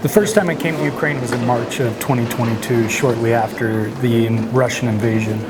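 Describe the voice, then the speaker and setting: A man's voice: medium pitch, fast, over a noisy crowd. A man from northern Idaho, a nonprofit founder, speaking earnestly in a documentary interview. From northern Idaho, USA.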